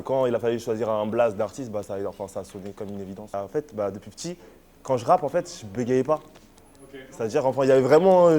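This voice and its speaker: A man's voice: mid-range voice, dark tone. A man who raps in a group, answering interview questions casually and hesitantly, with many fillers and restarts. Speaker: rapper in a group.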